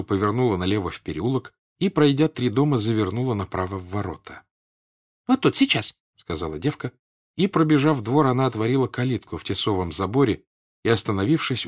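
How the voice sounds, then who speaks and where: A man narrating a classic novel in a measured, steady audiobook reading. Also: on the low side.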